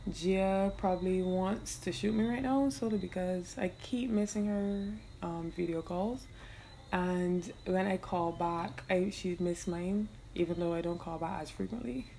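Young Bajan woman, podcast host, low gravelly voice, loose and profane with easy laughs, faint room noise behind. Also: unhurried, warm tone. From Barbados. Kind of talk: casual solo podcast chat.

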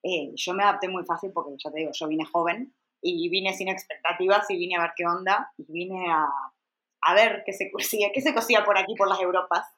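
A woman with an Argentine accent, speaking in a somewhat low voice. She is a podcast guest in her forties, and she chats in a loose, reflective way with plenty of fillers. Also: steady tone, a little fast, fairly bright tone, poor audio. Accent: Argentine Spanish. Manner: chatty and reflective, with frequent fillers. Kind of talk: casual conversation.

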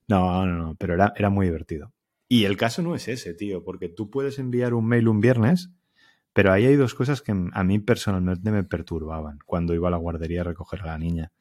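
A man from Spain with a very low, deep voice co-hosts a podcast in his thirties. He wanders through an anecdote in a relaxed way, full of fillers and restarts. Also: fairly quick. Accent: Spanish from Spain. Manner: rambling, easygoing storytelling with fillers. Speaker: podcast co-host. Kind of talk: casual chat.

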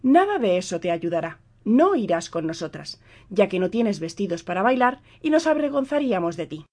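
A woman's voice: medium pitch, sing-song, moderate pace. A woman playing a scornful stepmother. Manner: loud, mocking, scolding. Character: cold, scornful middle-aged stepmother.

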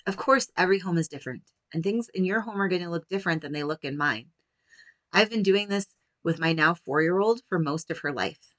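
A woman, likely in her thirties, giving a gentle, measured talk that teaches parents how to calm young children. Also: fairly low pitch, no echo.

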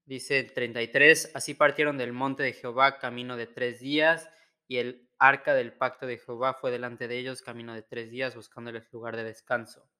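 Man, earnest, Bible reading, crisp voice. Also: medium pitch, little pitch movement, moderate pace, bright, forceful tone. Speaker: co-host and preacher. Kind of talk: casual chat and Bible reading.

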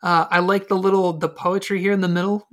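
A man co-hosting a casual podcast, talking in a relaxed, hesitant way with many fillers. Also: high voice, brisk. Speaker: podcast co-host. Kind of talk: casual lectionary podcast chat.

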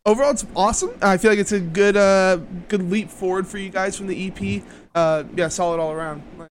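A man's voice: high-pitched, fairly even intonation, fairly quick, slight background noise. A man hosting a podcast, chatting casually about an album with many fillers and easy laughs. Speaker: podcast host. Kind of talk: casual interview chat.

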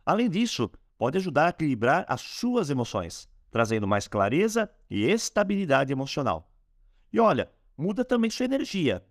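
A man hosting a calm instructional talk on a spiritual technique, slowing down when he speaks mantras. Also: fairly high pitch, no echo, clean studio sound. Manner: lively, rising and falling delivery, slowing on mantras. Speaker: host teaching a spiritual technique.

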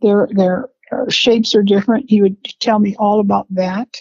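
A woman in her seventies telling family memories in a rambling, unhurried way with laughs between stories. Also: medium pitch, little pitch movement, darkish tone, no room sound. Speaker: interviewee, family matriarch. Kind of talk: reminiscing conversation. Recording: dry, slightly dull lo-fi sound.

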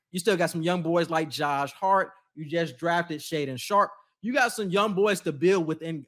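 High-voiced man in casual basketball chat. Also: a bit bright. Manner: laid-back, laughs often, slangy. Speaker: sports podcast co-host.

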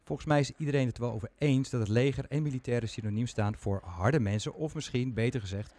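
A man's voice: mid-range voice, fast, darkish tone, slight background noise. A man hosting a podcast, talking chattily with self-mocking humor into a microphone. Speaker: podcast host. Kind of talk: casual podcast talk.

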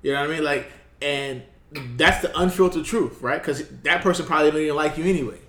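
A man co-hosting a casual basketball podcast, giving earnest advice in relaxed slang. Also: on the high side, quick pace. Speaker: podcast co-host. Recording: roomy echo.

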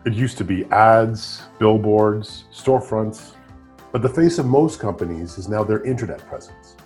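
This podcast host has a fairly low, darkish voice and talks at normal speed, with faint music in the background. He reads a scripted opening, then moves into a casual interview, asking upbeat questions full of fillers.

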